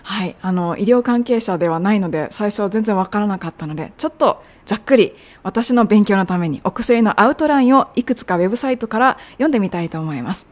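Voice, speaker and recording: A young woman casually teaching English pronunciation of medical terms, drilling the sounds slowly. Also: mid-range voice, animated. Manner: friendly, chatty coaching, drilling sounds slowly. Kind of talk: casual podcast lesson.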